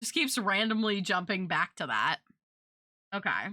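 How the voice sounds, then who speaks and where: A woman's voice: mid-range voice, very animated, measured pace, bright, forceful tone, no room sound, studio quality. A woman chatting casually on an art livestream, rambling and thinking aloud. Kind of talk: casual, rambling livestream chat while drawing.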